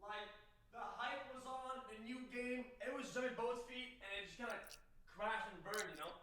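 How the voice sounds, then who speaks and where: A man streaming games and chatting with his viewers in a loud, excitable, foul-mouthed way. His voice sits high and carries a heavy room echo. He sounds set back from the mic. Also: moderate pace, a little hiss or hum. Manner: loud, excitable, swears freely. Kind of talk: casual reaction chat. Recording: echoey room, far from mic.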